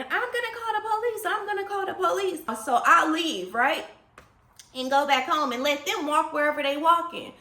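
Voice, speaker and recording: Young woman, storytime vlog, chatty, addresses viewers directly, bright voice, echoey room. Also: high-pitched. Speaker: storyteller vlogger.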